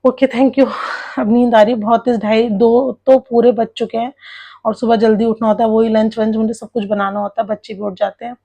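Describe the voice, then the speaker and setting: A woman's voice: on the high side, little pitch movement, normal speed, vocal fry, dark tone. A young woman from India narrating her family vlog in a chatty, rambling, confiding way, sleepy late at night. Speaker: vlogger.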